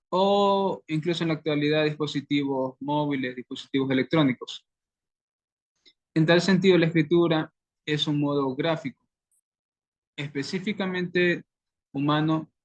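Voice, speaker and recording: A man giving a class presentation, reading out definitions in a slow, measured way. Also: fairly high pitch.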